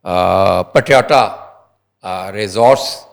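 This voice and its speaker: A male reporter on a TV talk show, telling stories in an animated way and addressing viewers directly. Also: deep voice, gravelly.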